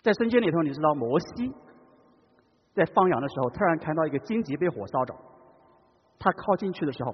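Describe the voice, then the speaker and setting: A man preaching a sermon in a church, swinging between loud calls and hushed tones. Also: on the high side, animated, quick pace, pauses often, slightly rough. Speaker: pastor. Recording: dull long-reverb hall recording.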